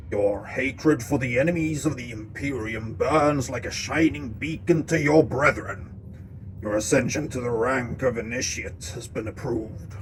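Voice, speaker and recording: Stern old warrior-priest, slow and solemn, commanding, a man doing the voice. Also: mid-range voice, slight background noise, lightly acted, low-quality recording. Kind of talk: audiobook-style story narration.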